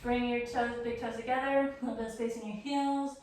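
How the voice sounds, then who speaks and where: A woman's voice: fairly high pitch, steady tone, a little fast, darkish tone. A young woman teaching a vinyasa yoga class, encouraging and a little out of breath. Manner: encouraging cues, light laughs. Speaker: yoga instructor. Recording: echoey room, far from mic, faint noise.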